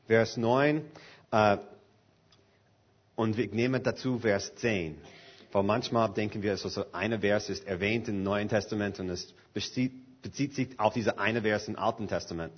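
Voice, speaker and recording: A man preaching a sermon and reading Scripture in German that is not his first language, halting, with frequent filler sounds. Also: fairly low pitch, slightly rough, lo-fi sound. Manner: halting, with many filler sounds and non-native German grammar.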